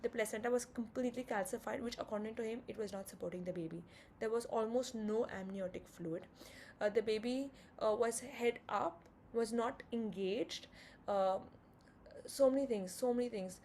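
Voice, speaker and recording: A woman tells a personal story with feeling, her voice a little high and edged with grit. She brings the people in the story to life by quoting them and stops to fix her details. A faint hiss sits under the recording. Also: moderate pace, a little mellow. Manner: vivid retelling with quoted dialogue and self-corrections. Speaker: guest sharing her birth story.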